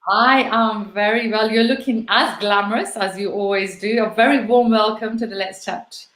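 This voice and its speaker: A woman's voice: mid-range voice, steady tone, normal speed, a bit bright, reverberant. A woman hosting a live online interview chat from home on a video call, chatty and full of fillers. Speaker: talk show host.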